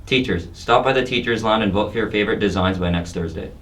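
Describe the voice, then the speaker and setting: A man's voice: on the low side, fast, fairly bright tone, distant mic. A teenage boy anchoring scripted school announcements. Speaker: student anchor.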